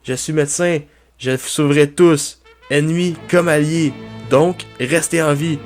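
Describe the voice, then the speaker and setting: Man putting on a high earnest little reindeer doctor. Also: fairly even intonation, a little slow, faint music behind, lightly acted. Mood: resolute.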